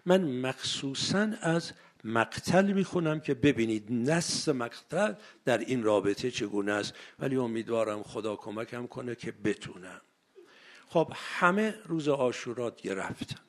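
A man preaching a mourning sermon. He recites Arabic passages slowly, then explains them plainly and speaks straight to his listeners. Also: medium pitch, animated. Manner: addresses his listeners directly and asks them to picture the scene.

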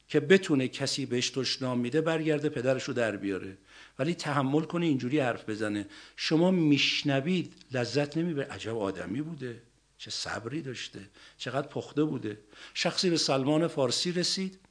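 A man preaching a sermon, stressing points with loud rises, then dropping soft and slowing down on key ideas. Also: mid-range voice, lively intonation. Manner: emphatic, swings between loud rising stresses and soft drops.

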